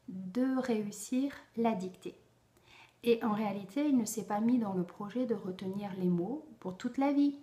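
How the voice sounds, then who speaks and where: A woman's voice: fairly high pitch, warm tone. A woman giving an instructional talk to parents, explaining things step by step in a didactic way. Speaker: educator giving spelling advice to parents.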